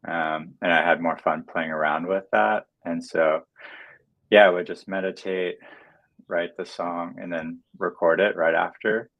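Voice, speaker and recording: A man speaks as a musician guest in a livestream interview over a video call. His voice is very low. He talks softly and hesitantly, leaning on frequent fillers. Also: steady tone, measured pace, lo-fi sound. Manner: soft-spoken, hesitant with many fillers.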